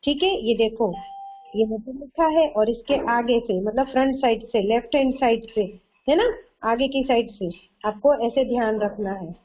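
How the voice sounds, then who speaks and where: Woman teacher doing a kids' online lesson, slow and repetitive, higher voice, muffled audio. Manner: slow, patient, repeats "theek hai" often, quizzes children. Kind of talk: online kindergarten Hindi lesson.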